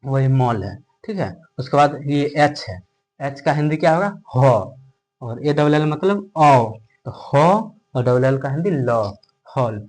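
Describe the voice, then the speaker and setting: A man's voice: medium pitch, lively intonation, takes it slowly, darkish tone, low-quality recording. A man teaching English pronunciation step by step, asking himself questions and answering them, often checking in with the viewers. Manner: explains step by step, asks and answers his own questions, keeps checking in with "okay?". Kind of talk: classroom lesson.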